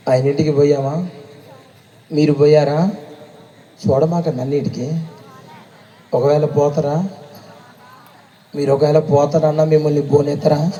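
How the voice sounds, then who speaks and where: A male preacher, delivering a revival sermon that mocks and scolds his congregation and rises to shouts. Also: fairly high pitch, lo-fi sound. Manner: teasing, mocking the congregation, rising to shouts. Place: outdoor revival meeting.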